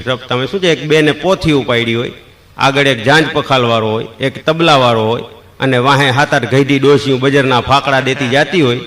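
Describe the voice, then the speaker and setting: A man's voice: medium pitch, fairly bright tone. A man with a Kathiyawadi Gujarati accent telling folksy comic stories, acting out characters and laughing at his own punchlines. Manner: acts out characters' lines and sings snatches of procession songs. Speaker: stand-up comedian telling jokes. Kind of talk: folksy joke-telling monologue.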